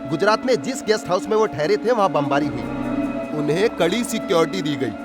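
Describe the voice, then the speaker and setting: A man's voice: high voice, lively intonation, brisk, over loud music. A man dubbing an arrogant, menacing village strongman villain who taunts and mocks in a Hindi film dub. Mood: stern. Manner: taunting, mocking laughter.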